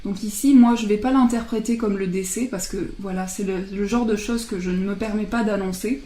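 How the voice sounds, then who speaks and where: A woman casually presenting oracle card decks, chatting and laughing softly at herself as she translates card titles aloud. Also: medium pitch, fairly even intonation, a little fast, reverberant, a little hiss or hum.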